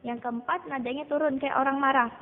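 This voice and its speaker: A woman teaches an online Mandarin class to children, patiently repeating vowel sounds to drill each tone and addressing her students as children. Her high voice is brisk with fairly even intonation, and the recording sounds tinny, like a phone.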